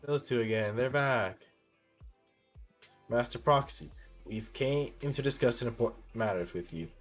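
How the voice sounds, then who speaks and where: A man with a mid-range voice works through a video game's story text out loud, reacting as he goes, while faint music plays behind him. He reads haltingly, tripping over words at times and fixing them.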